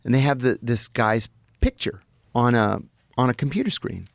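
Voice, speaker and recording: A middle-aged man telling stories as a podcast guest, animated and vivid, often restarting his sentences. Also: mid-range voice, moderate pace, creaky, dry recording, clean studio sound. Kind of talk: anecdotal storytelling in conversation. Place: podcast studio.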